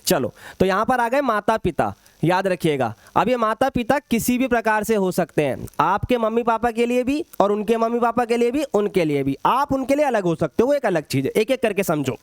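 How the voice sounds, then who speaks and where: A man's voice: sits high, very animated, normal speed, few pauses, no echo. A young man teaching an online exam-prep maths lesson, calling students "beta", repeating points and adding playful asides.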